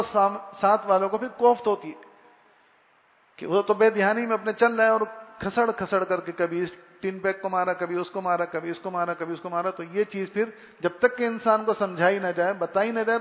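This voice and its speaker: A high-pitched male preacher delivers a sermon on manners in an easy, storytelling way, acting out small sounds to make his point. His voice rings with a long reverb, as in a large hall, and the recording sounds muffled and dull. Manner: conversational storytelling, imitates sounds. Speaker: Islamic preacher.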